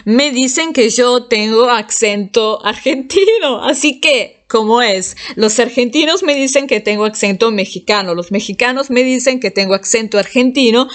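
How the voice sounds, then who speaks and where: A woman's voice: a little high, normal speed, few pauses. Chatty woman, Italian native speaker. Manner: chatty, laughs often between phrases. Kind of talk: casual monologue.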